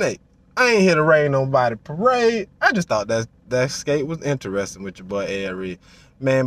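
A man in his forties giving animated, casual commentary from inside a parked car, acting out voices and swearing freely. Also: fairly high pitch, dry recording. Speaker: vlogger. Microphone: phone on the dashboard.

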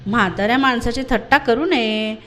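A woman's voice: a little high, brisk, a bit bright, a little hiss or hum, close to an everyday voice. A woman reading aloud and voicing a village mother who is firm and scolding but fond of her son. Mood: gentle.

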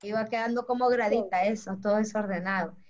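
A woman patiently and affectionately walks a class of children through a table of verbs. Her medium-pitched voice is steady, brisk and a little mellow. The audio is dull and lo-fi.

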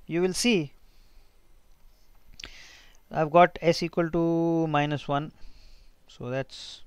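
Male lecturer, North Indian accent, informal think-aloud teaching, crisp voice, dry close sound. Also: a little high, dry recording. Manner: informal, thinking aloud, mixing in Hindi asides. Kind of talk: technical lecture with handwritten working.

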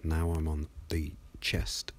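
A man, talking softly and in a monotone, often half-whispered, as he walks through his 3D animation work at a desk microphone. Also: rumbling low, takes it slowly, a little hiss or hum. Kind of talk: screen-recorded software walkthrough.

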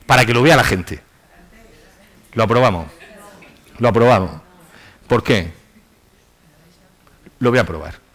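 A man giving a public science lecture in an animated, ironic way, acting out quotes in mock voices. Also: medium pitch. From Spain. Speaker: university lecturer. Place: lecture hall with audience.

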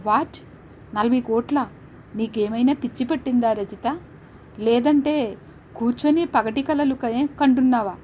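A sharp-tongued middle-aged mother-in-law who asks her questions with impatience and sarcasm, voiced by a woman narrator. The voice is a little high. Faint noise lies behind it. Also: moderate pace, lightly acted, poor audio. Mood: sarcastic.

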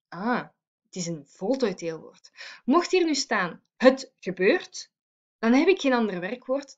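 Woman teaching grammar, lo-fi. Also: on the high side. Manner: clear explaining, self-correcting. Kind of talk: recorded grammar lesson. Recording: dull lo-fi sound.

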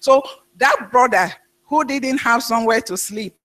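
A woman pastor preaching a sermon, telling a story in a halting way with frequent restarts. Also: on the high side, a bit bright.

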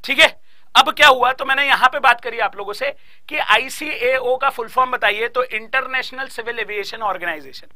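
A man's voice: very high voice, normal speed, sharp tone, no room sound. A young Indian man giving a live online exam-prep lecture, repeating key points and quizzing his students aloud.

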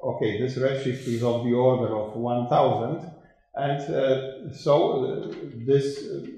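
Older male lecturer, slow and halting, mellow voice, very echoey lecture hall. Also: mid-range voice, fairly even intonation. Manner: slow and hesitant, many fillers and restarts. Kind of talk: academic conference lecture. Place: dark lecture room with a projector. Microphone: room microphone.

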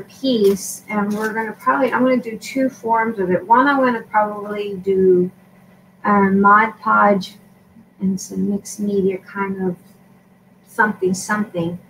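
A woman's voice: mid-range voice, fairly bright tone, recorded from a distance, a little hiss or hum, low-quality recording. A woman vlogger chatting casually as she shows craft supplies in a tutorial for her shop, rambling with lots of fillers.

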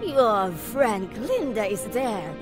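Casting: wicked witch for audio drama, high swooping voice, menacing, theatrical, mocking. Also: very animated, music in the background. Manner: theatrical, drawn-out taunting, cackles. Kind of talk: family audio drama acting.

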